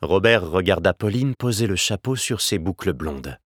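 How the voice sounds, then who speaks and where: A man narrates a novel in a measured, steady reading. His voice sits low, and the recording is close and dry with no room sound. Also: slightly rough, dry recording.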